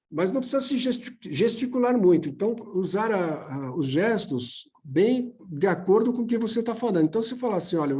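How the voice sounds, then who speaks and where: Brazilian male teacher, high-pitched, calm classroom delivery to a church group. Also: husky. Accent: Brazilian Portuguese. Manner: plain, patient teaching with filler "né?". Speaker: homiletics teacher. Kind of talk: church seminar lecture.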